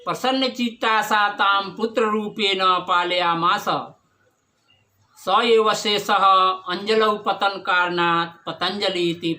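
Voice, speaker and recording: A man teaching a class, telling a story about the origins of Sanskrit grammar in slow, deliberate speech and chanting Sanskrit verses between the explanations. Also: high voice, bright, forceful tone, a little hiss or hum. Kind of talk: lecture on Sanskrit grammar lore.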